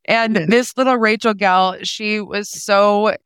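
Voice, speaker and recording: Woman in her forties, bright voice, smooth and clear, dry close sound, emotional storyteller. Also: medium pitch, fairly even intonation, takes it slowly, dry recording. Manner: emotional, acts out quoted dialogue. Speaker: guest, nonprofit co-founder. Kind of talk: casual conversational storytelling.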